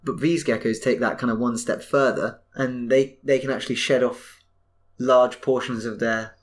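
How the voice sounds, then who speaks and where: A man's voice: mid-range voice, fairly even intonation, normal speed. Man explaining things on a podcast. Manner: explanatory, reads out paper details. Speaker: podcast co-host. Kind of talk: casual podcast chat.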